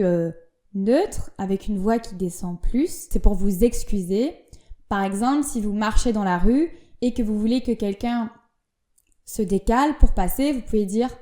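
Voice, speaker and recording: A woman's voice: mid-range voice, mellow. A woman teaching French to beginners, speaking carefully and acting out the intonation of example phrases. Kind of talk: slow, clear language lesson.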